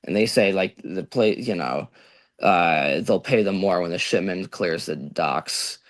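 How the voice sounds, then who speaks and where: A man's voice: sits low, unhurried. A man co-hosting a TV recap podcast, recounting plot points in loose, casual talk with some swearing. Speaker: podcast co-host. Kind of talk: casual chat.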